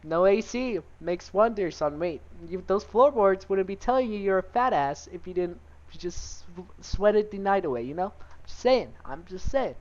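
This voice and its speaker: A man's voice: high-pitched, expressive, moderate pace, few pauses. A man reading a game's story text aloud, breaking off to joke and laugh at it. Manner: jokey, laughs often, breaks off to comment. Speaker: gamer reading a visual novel aloud. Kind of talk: casual let's-play commentary, reading game text aloud. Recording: slightly dull lo-fi sound with faint music. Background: faint game music.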